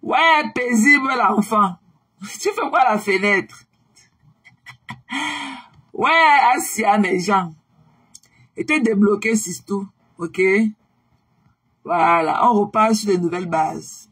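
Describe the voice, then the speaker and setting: A woman's voice: mid-range voice, slow, pauses often, fairly bright tone, slightly rough. A tired woman chatting casually to her viewers on a live stream, repeating herself and slipping English phrases into her talk.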